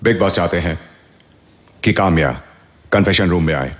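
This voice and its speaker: A man's voice: low voice, moderate pace. A man making formal scripted announcements as the show's unseen announcer voice, grave and commanding.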